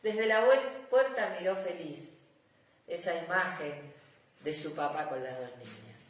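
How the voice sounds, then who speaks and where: A woman's voice: on the low side, a little slow, slight background noise. A woman narrating a children's story expressively as a storyteller. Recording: echoey room.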